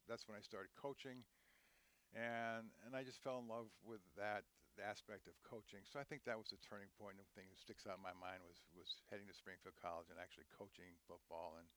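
Here the podcast guest, a head equipment manager in his sixties, talks in a fairly low voice over poor audio. His conversational interview answers come as long, warm, rambling tales with many restarts and fillers.

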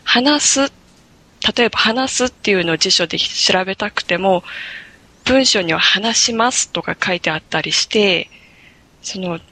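A woman guest in a conversational interview, explaining things in a relaxed way. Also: mid-range voice, unhurried.

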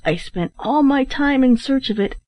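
A woman's voice: high-pitched, expressive, normal speed, dry recording, voice pushed up. A woman voicing a dying, gold-haunted old miser. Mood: bitter, weak. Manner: weak, hoarse whispering with sharp outbursts. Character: dying middle-aged man, bitter, gold-obsessed. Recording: dull, muffled recording.

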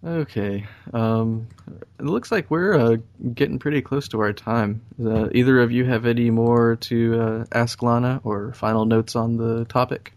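A man hosting a podcast, chatting in a relaxed, friendly way with frequent ums, then reading the show outro. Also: medium pitch, a little slow, no room sound. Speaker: podcast host.

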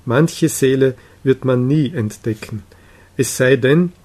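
A grave, solitary prophet speaking slowly and with calm weight, as a man reads him aloud. His speech is measured and solemn, with unhurried pauses in an audiobook reading. The voice sits at an ordinary middle pitch for a man.

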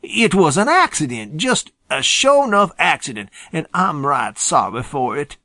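A man's voice: on the high side, very animated, normal speed, sharp tone, no room sound, studio quality, pitched above the performer's own voice, full character voice. A man voicing a proud, touchy old male possum who talks in a folksy drawl and sputters when riled. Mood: pleading.

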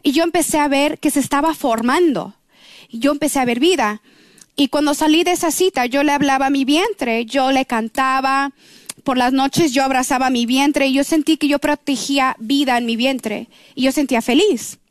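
A middle-aged woman tells her own story with earnest feeling. Her voice sits high and bright in pitch. The sound is close and dry, with no room around it. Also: normal speed, no room sound. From Mexico. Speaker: guest giving testimony. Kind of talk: personal testimony on a radio program.

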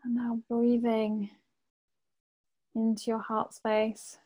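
A woman guides a meditation as if narrating a sleep story. Her voice is dark and relaxed, with very little rise or fall. She speaks gently and leaves long, unhurried pauses between phrases. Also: fairly high pitch.

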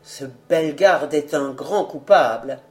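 A woman reader playing a grieving nobleman who speaks slowly and sorrowfully in a lowered voice. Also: darkish tone, faint music behind.

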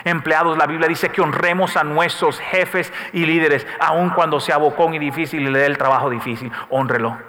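A middle-aged man preaching a sermon as pastor. He tells stories, swells to loud calls and drops to soft asides. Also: on the high side, fairly even intonation, normal speed, few pauses. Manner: preaching with sudden rises and soft dips, storytelling asides. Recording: echoey hall, faint room noise.

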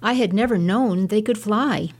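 A woman's voice: medium pitch, moderate pace, slightly rough. Woman narrating a scripted nature essay, documentary manner. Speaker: presenter of a spoken reflection series.

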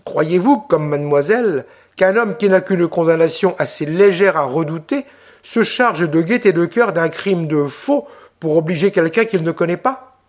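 Impatient, mocking official man, read by a male narrator, moderately high voice. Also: expressive, normal speed, close to an everyday voice. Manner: impatient, condescending.

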